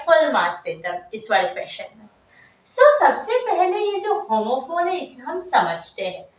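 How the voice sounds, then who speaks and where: A young woman teaching an exam-focused English grammar lesson in a lively, chatty way, full of asides and repeated checks. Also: high-pitched. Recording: roomy, mic set at a distance.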